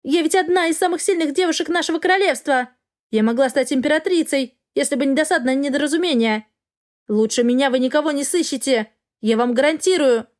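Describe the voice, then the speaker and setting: A woman's voice: sits high, fairly quick, pitched above the performer's own voice, close to an everyday voice. A woman voicing an arrogant young noblewoman in an audiobook, haughty and demanding. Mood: shrill. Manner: haughty, rising to shrieks. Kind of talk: audiobook character voice.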